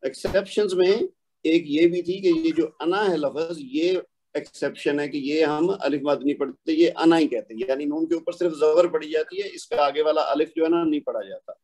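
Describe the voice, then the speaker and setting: A man's voice: on the high side, darkish tone. A man teaching Quran recitation rules in an online class, correcting students patiently and explaining step by step over a video call.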